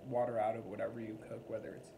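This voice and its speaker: Calm man explaining in a noisy kitchen. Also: lowish voice, gravelly. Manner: measured, explains patiently. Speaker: guest, younger brother. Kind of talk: casual chat over a meal. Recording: noisy room with kitchen sounds.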